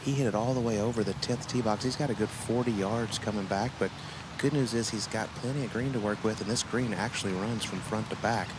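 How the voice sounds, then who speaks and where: Low-voiced male on-course golf commentator outdoors. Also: fairly quick. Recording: clear outdoor background noise.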